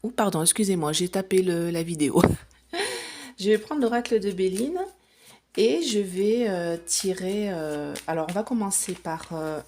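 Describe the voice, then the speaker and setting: A woman's voice: mid-range voice, moderate pace, dark tone, a little hiss or hum. A woman chatting casually to camera as she lays out runes and cards for a reading, explaining each step with plenty of fillers. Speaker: psychic reader.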